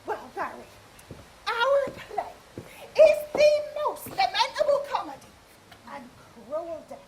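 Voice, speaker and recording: A flustered, eager director of a village troupe, read by a woman with a very high, lively voice, often breaking into laughter. The recording is noisy and amateur. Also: unhurried, exaggerated voice. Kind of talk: amateur comic play reading.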